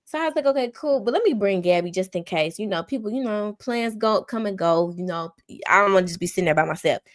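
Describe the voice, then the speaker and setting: A woman podcast co-host, excitedly retelling a celebrity encounter in casual chat. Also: medium pitch, fast talker. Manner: animated, excited retelling with quoted dialogue.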